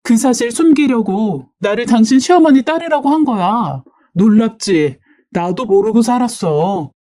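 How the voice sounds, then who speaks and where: A woman voicing a hot-tempered young woman who yells and accuses. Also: on the high side, animated, measured pace, pitched above the performer's own voice. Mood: bitter. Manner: yelling, accusing.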